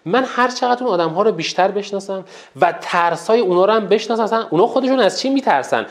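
A teacher giving a colloquial lecture in a public speaking course, asking rhetorical questions and repeating points for emphasis. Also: medium pitch. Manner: animated, asks rhetorical questions to the listeners.

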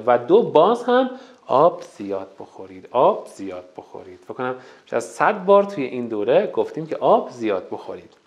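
A public speaking teacher giving a recorded course lesson, counting off numbered tips and demonstrating them. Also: medium pitch.

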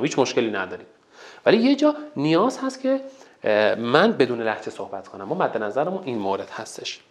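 A man teaching a lesson as a public speaking coach, emphatic and counting off steps, whose first language is Turkic. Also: mid-range voice. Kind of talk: online lesson.

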